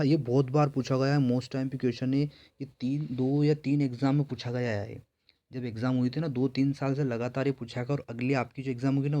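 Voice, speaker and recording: This exam-prep lesson comes through with lo-fi sound, led by a male teacher with a dark, mid-range voice. He repetitively quizzes himself, reading each question aloud and then answering it.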